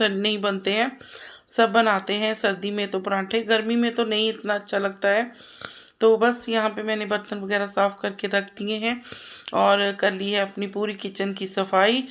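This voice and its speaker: A woman in her thirties, a mother narrating her household chores in a homely, chatty voice-over, repeating herself often. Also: mid-range voice. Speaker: vlogger and mother.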